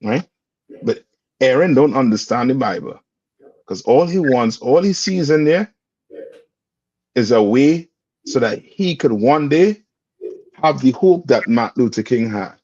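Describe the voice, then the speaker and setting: The instructor of a call-and-response religious class quizzes his students, prodding until they answer. He's expressive and a little slow, leaving long pauses, with a mid-range, darkish voice. The recording is dull and dry lo-fi with no echo.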